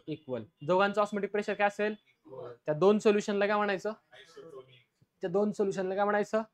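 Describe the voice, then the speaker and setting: Marathi guy teaching chem in class, keeps quizzing students, reads english definitions out slow. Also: sits high. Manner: keeps asking the class questions and answering them himself; dictates definitions slowly in English. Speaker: chemistry teacher. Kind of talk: classroom lecture.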